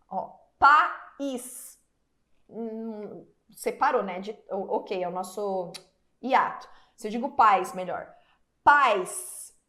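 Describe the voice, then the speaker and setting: Slow-talking Brazilian woman teacher. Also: mid-range voice. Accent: Brazilian Portuguese. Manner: explains step by step, checks in often with the class; stretches out example words syllable by syllable. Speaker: Portuguese teacher. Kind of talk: online exam-prep lesson.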